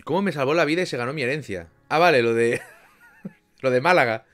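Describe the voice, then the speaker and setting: A young man from chatting casually with viewers on a live stream, rambling with lots of restarts and sudden loud bursts. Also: mid-range voice, fairly quick, faint music behind.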